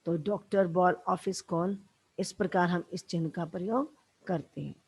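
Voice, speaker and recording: A woman's voice: fairly low pitch, fairly even intonation, darkish tone, husky. A woman teacher giving a patient lesson to young schoolchildren, calling them "beta" and "bachche", with a Haryanvi accent. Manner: slow, patient, addresses pupils as beta and bachche. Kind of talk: classroom lesson for children.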